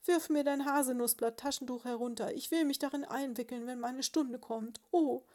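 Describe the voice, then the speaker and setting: A woman's voice: high voice, steady tone, moderate pace, warm tone, voice pushed up, natural voice. Brief: a woman playing a young dormouse groom stuck in a pit, despairing, raised and melodramatic. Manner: raised, breathless, melodramatic delivery.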